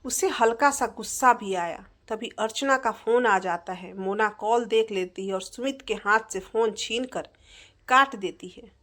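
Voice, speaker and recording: Woman narrator for a scripted family story; expressive, fairly high pitch. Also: a little slow.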